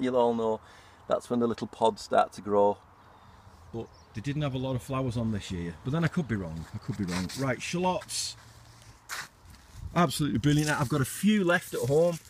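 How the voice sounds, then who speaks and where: A man's voice: mid-range voice, slight background noise. Man, middle-aged, casual allotment vlog, chatty and rambling, a bit out of breath, recorded outdoors on a phone. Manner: chatty, rambling, mild swearing. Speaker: allotment vlogger. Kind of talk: casual garden tour vlog.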